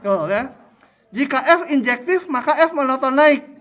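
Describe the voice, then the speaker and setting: A man's voice: very high-pitched, animated, a bit bright. A male lecturer giving a university math tutorial, drawing graphs while he explains and quizzing students with short questions. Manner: slow, thinking aloud with fillers.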